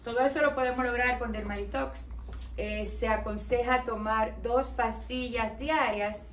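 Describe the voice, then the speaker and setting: Middle-aged dominican lady, kinda high voice, explaining her skincare stuff, roomy echo, mic a bit far. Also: moderate pace, slight background noise. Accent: Dominican Spanish. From Dominican Republic. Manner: explanatory, promotional, steady with some hesitation fillers. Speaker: skincare company owner, interview guest. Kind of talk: product presentation in an interview. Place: small decorated showroom with balloons, indoors. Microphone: camera at a distance.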